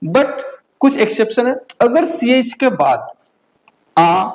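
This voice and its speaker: A woman's voice: on the high side, big pitch swings, low-quality recording. Patient woman drilling letter sounds. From India. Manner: patient drilling, frequent "okay?" check-ins, slow spelled-out letters. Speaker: German language teacher. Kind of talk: beginner language lesson.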